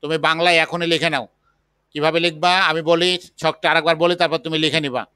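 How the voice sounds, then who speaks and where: Bright, clear-voiced male chemistry teacher. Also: on the high side, steady tone, no room sound. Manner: slow, patient dictation. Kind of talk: classroom lecture.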